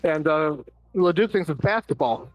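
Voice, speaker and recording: Here an American commentator, his voice a touch high for a man, calls an amateur floor hockey match at speed, listing passes and shots between deadpan jokes. His intonation is lively, there's no room sound, and music plays faintly below.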